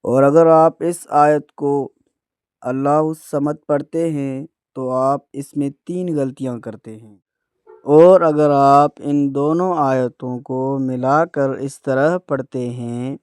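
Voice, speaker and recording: A man introducing a recitation lesson, listing one common mistake after another in a measured, repetitive way. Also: mid-range voice, fairly even intonation, darkish tone, clean tone, no room sound, studio quality. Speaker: lesson presenter.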